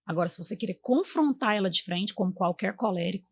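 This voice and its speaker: Brazilian woman in her thirties, husky tone, chatty storyteller voicing her own quotes. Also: mid-range voice, animated, quick pace. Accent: Brazilian Portuguese. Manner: warm storytelling, acts out quotes to her kids. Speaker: guest. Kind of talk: casual chat.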